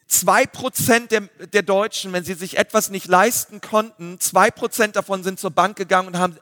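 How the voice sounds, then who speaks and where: Bright-voiced pastor preaching. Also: male voice, high-pitched, no room sound, clean studio sound, long reverb tail. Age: 30s. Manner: lively preaching with filler words. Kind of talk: sermon.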